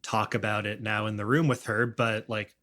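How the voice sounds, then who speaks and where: A man's voice: on the low side, little pitch movement, moderate pace, a bit bright. A man talking casually as a player in a tabletop game. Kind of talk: casual chat.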